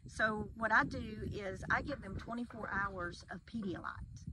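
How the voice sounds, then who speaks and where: A woman's voice: mid-range voice, measured pace, background noise. Woman explaining fawn care outdoors. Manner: patient, explaining step by step. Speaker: wildlife rehabber. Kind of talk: casual outdoor interview. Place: outdoors by a metal barn wall.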